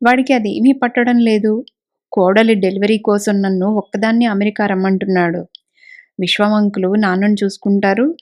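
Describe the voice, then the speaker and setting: A woman reading the part of a grieving middle-aged farmer's wife, speaking softly and tearfully. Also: medium pitch, close to an everyday voice. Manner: soft, hushed, pleading. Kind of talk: audiobook character reading.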